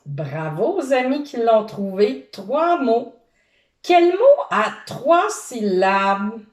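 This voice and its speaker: A woman reading a children's picture book aloud, pausing to ask her young listeners questions. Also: a little high. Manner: slow, animated, quizzes young listeners. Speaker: storyteller for children. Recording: roomy, distant from the mic.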